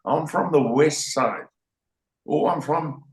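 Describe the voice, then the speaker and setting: An older South African man speaks slowly in a fairly high voice as a guest in an opinionated interview, blunt and rambling as he loops back over his points with plenty of restarts. He sits a bit off the mic and far from it, so the room rings around his voice.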